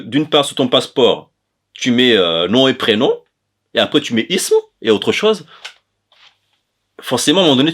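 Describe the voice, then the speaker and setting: A man from the Comoros presents an educational chronicle on language, his mid-range voice a bit bright. He explains things informally and hesitantly, often stopping to correct himself.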